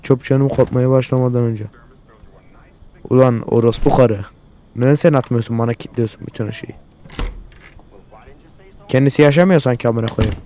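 A man's voice: medium pitch, fairly even intonation, moderate pace, long pauses, mellow, slight background noise. A young man hosting a let's-play, commenting crudely with constant swearing and exasperated outbursts. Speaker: gaming channel host.

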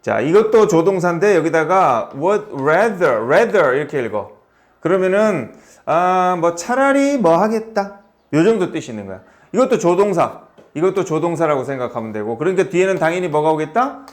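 A man's voice: a little high, very animated, moderate pace. A man teaching an English grammar lesson in a small academy classroom, explaining step by step and quizzing his students with questions.

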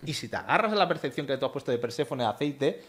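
Male voice, very lively pitch, bright tone, teasing, music faint behind. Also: fast. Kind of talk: casual discussion.

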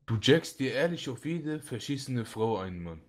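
A man's voice: mid-range voice, big pitch swings, normal speed. A man speaking bluntly in coarse slang during improvised online game role-play. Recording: loud crowd of voices behind.

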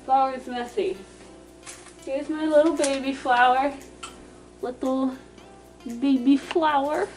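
A woman's voice: sits high, steady tone, a little mellow, faint music behind. A woman vlogging casually from her home kitchen while baking, her voice muffled through a costume head, chatty and narrating each step. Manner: chatty, self-narrating, unhurried.

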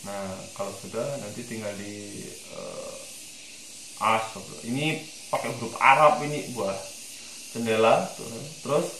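A man's voice: lowish voice, fairly even intonation, slow pace, pushed and bright, echoey room, a little hiss or hum, rough recording. A man from Indonesia guiding a screen-recorded 3D modeling tutorial, thinking aloud with lots of fillers. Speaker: tutorial instructor.

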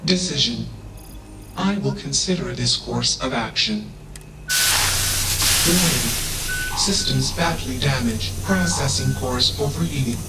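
A man voicing a damaged robot with an emotionless voice, speaking in flat, clipped statements, each one opened by a label word. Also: medium pitch, slow, pauses often, distant mic, loud music behind the voice, rough recording. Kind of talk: video game voice acting.

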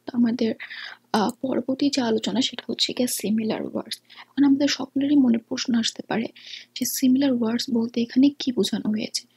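A woman explaining English pronunciation in a lesson, pausing often with fillers. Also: a little high, steady tone. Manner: hesitant, many fillers, often soft and breathy. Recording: distant mic.

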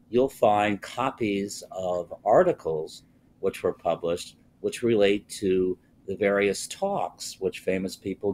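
An older man speaking as a guest on a live TV interview over a video call from a wood-panelled office, measured and pausing often with "uh". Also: deep voice, a little mellow, a little hiss or hum. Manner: slow, measured, frequent "uh" pauses. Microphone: video call, webcam close up.

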